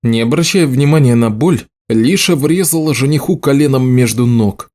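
A man narrating an audiobook in a steady storytelling delivery. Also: medium pitch, normal speed. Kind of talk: scripted narration.

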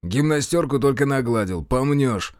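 A man's voice: medium pitch, animated, normal speed, darkish tone, no room sound, clean studio sound, close to an everyday voice. A man voicing a blunt, stubborn male partisan commander in an audiobook. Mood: stern. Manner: blunt, gruff.

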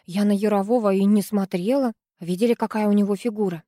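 A woman's voice: medium pitch, steady tone, fast, warm tone, dry recording, clean studio sound, natural voice. A woman voicing a chatty, gossipy teenage girl in an audiobook, talking in a bubbly, gushing way.

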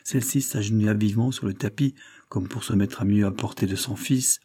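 A man narrating a classic children's novel as an audiobook, reading in a steady, even way. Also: fairly low pitch, brisk, husky. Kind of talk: scripted narration.

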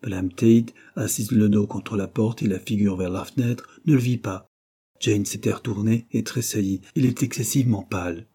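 A man narrating a novel in a measured, steady storytelling way. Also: on the low side, husky. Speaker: audiobook narrator. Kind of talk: scripted narration.

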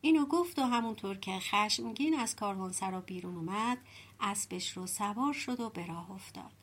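Woman narrating a folk tale. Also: fairly high pitch. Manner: even, storytelling. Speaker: audiobook narrator. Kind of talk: folk-tale audiobook reading.

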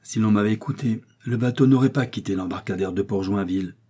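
A man's voice: lowish voice, brisk, warm tone, husky. A man voicing a blunt, grave semaphore keeper, a seasoned sailor watching a storm in a storybook reading.

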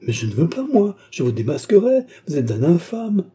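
A man voicing a frightened young courtesan who pleads and cries out in a dark, husky voice. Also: mid-range voice, very animated, moderate pace. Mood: indignant.

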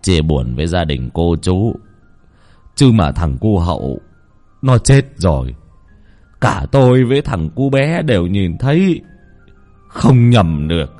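A man voicing an older village dike guard who speaks in heavy, halting words in a spoken ghost story. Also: deep voice, big pitch swings, dark tone, faint music behind, exaggerated voice. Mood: grave.

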